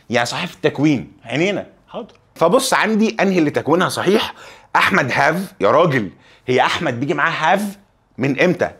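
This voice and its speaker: A young Egyptian man teaches a review lesson in a husky, slightly breathy voice at a middle pitch. He reads the English examples slowly and drops playful teasing remarks between the explanations. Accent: Egyptian Arabic. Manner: joking, teasing asides to students.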